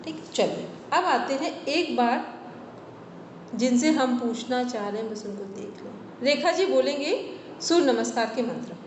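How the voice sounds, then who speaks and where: High-voiced woman teaching in an echoey hall. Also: expressive, a little slow, a little hiss or hum. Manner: patient, corrective, explains pronunciation. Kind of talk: online class instruction.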